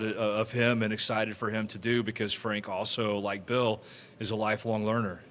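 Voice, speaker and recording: A man co-hosting a podcast in a low voice with little rise and fall. He speaks in a steady, reflective way, with a plain casual tone. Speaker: podcast co-host.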